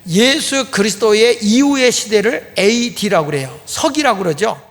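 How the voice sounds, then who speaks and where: Middle-aged pastor guy, fairly high voice, plain explaining sermon, long church echo. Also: lively intonation, normal speed, fairly bright tone. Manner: plain, explanatory preaching with repeated emphatic phrasing. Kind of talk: Sunday sermon. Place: church sanctuary. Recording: long hall reverb.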